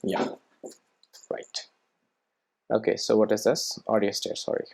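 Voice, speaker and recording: With a medium-pitched, level voice that is creaky, husky, and darkish, a tutorial presenter unhurriedly explains programming steps in a relaxed way. The delivery resembles thinking aloud, and they keep asking brief rhetorical questions, often ending with "right?", to check understanding.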